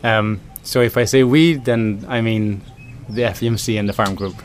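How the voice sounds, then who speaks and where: Man with a thoughtful, halting manner. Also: fairly low pitch, steady tone, a crowd in the background. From Netherlands. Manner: thoughtful, many ums and restarts. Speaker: food system consultant. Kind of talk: interview answers.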